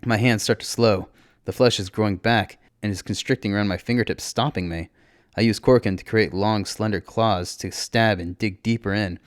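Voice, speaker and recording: A man narrating a story in the first person, expressive, with his voice jumping up on exclamations. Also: on the low side, moderate pace, no echo, clean studio sound.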